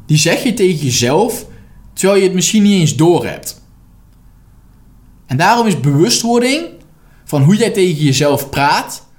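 A man who works as a life coach, giving a direct, emphatic motivational podcast monologue and now and then swearing bluntly. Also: a little high.

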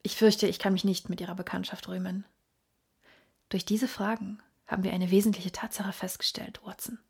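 A woman reading an audiobook, voicing a calm, keen-minded male detective who speaks in a measured, inquisitive, sometimes hushed way, with a husky voice. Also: fairly low pitch, exaggerated voice.

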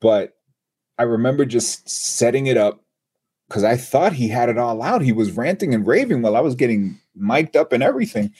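A man with a husky, breathy voice and a mid-range pitch tells a story as an interview guest. He keeps it animated, acting out the people he quotes as he goes. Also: normal speed. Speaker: guest, TV and radio personality.

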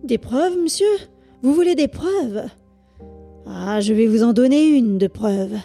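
A woman voicing a cocky young male reporter who speaks in an unhurried, self-assured way. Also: medium pitch, warm tone, faint music behind, lightly acted.

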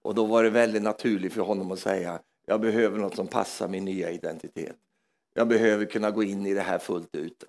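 A man preaching a charismatic sermon in a church, swinging between loud exclamations and hushed asides, often repeating words as he goes. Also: on the low side, fairly even intonation.

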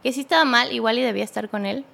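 A young woman with a Mexican accent, a podcast guest telling a personal story in a halting way with many restarts. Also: fairly high pitch, vocal fry, a bit bright.

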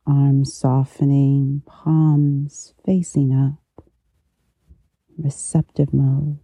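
A meditation teacher guiding relaxation gently, with a soft, intimate delivery right in the listener's ear. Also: mid-range voice, little pitch movement, husky, no room sound. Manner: slow, unhurried, gentle pauses. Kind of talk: guided meditation, soothing instruction.

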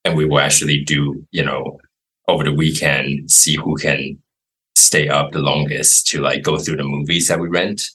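Very deep, husky man from Taiwan. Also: normal speed, low-quality recording. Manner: relaxed, rambling storytelling with many fillers. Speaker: guest. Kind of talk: casual interview.

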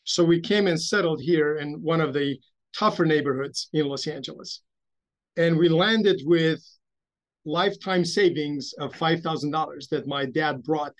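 Man, 50s, from Romania, interview guest, slightly high voice, measured, anecdotal. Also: dull audio. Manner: measured, anecdotal and self-deprecating. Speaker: guest, investment bank CEO. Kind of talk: interview storytelling.

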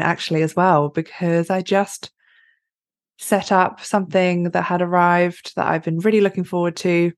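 A life coach hosts her own podcast, delivering a chatty, upbeat solo pep talk in a slightly husky, raspy, lowish voice. There's no echo on the recording.

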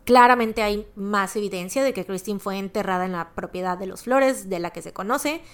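A woman's voice: mid-range voice, moderate pace, a bit bright, smooth. Mexican woman on a podcast, chatty, slangy, telling a crime case. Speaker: podcast co-host. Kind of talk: casual true-crime podcast chat.

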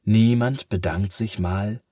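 A man voicing a sad, weary sun that talks slowly and sighs, in a children's storybook. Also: lowish voice, mellow, breathy edge, no room sound, studio quality. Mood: downcast, slow. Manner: slow, sighing, downcast.

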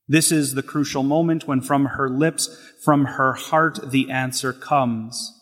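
A man serving as deacon, reading the gospel and preaching in a slow, measured way, with his voice echoing through a church. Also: medium pitch. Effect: cathedral-like church echo. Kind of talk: liturgical gospel reading and homily. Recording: long reverb in a church.

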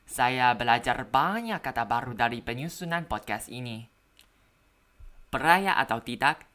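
Really low voiced woman, foreigner speaking indonesian w/ learner accent, non-native, careful scripted podcast talk. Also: fairly bright tone. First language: not Indonesian. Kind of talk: prepared personal podcast monologue.

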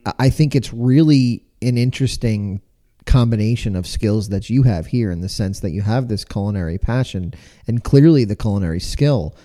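A man's voice: fairly low pitch, normal speed, mellow. A man from the United States hosting a podcast interview, asking long, rambling questions with many restarts. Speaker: podcast host.

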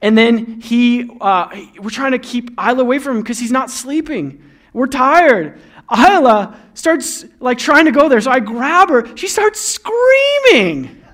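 High-voiced young man preaching conversationally. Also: a little slow, a bit bright. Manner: conversational, storytelling with laughs. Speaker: pastor. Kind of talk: sermon.

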